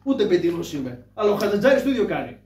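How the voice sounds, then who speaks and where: A cheeky, boastful trickster of shadow puppet theatre, as a man puts him on, high and joking, hollering like a street crier. The voice sits well above a normal man's and rings through a roomy hall. It sounds caught from across the stage with faint ambience under it. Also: big pitch swings, a little mellow. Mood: bantering. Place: live stage. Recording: echoey distant stage mic, faint ambience.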